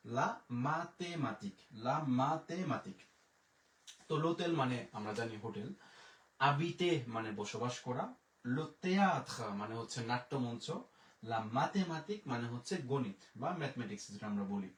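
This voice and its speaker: A man teaching French in a live online lesson, spelling words letter by letter and repeating each one slowly, speaking from a distance as he writes on a board. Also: medium pitch, animated. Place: room, writing on a board away from the mic. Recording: roomy echo, voice from far off.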